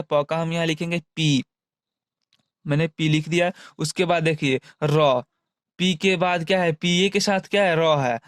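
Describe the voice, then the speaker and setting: A man with a fairly high, clear and smooth voice teaches step by step. He poses each question and answers it himself, and he stretches syllables out slowly so they are easy to follow. The sound is dry, with almost no room echo. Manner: addresses viewers as friends. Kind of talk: classroom explanation.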